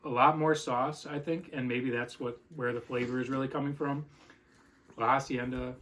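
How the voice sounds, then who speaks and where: A man co-hosting a casual pizza podcast, giving relaxed, easygoing remarks. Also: mid-range voice, moderate pace. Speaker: podcast co-host.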